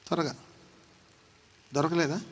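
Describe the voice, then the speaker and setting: A male pastor preaching a sermon in a dramatic way, acting out dialogue and building to loud, forceful passages. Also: on the high side, flat delivery, slow, a little hiss or hum. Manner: dramatic, acts out dialogue, rises to shouting.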